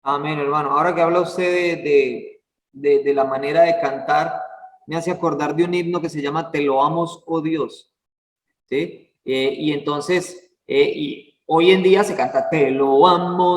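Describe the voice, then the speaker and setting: A high-voiced man leads an informal church class, chatty and full of fillers. He is recorded from far off in a roomy hall with a long echo. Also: steady tone, unhurried. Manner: chatty, many fillers, asks the class for words. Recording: echoey hall, far from the mic.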